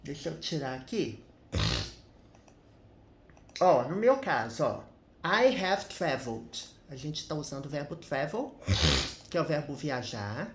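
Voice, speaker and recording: Brief: male English teacher, unhurried, chatty with tag questions, roomy echo. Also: on the high side, animated, a little hiss or hum. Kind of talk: casual grammar lesson.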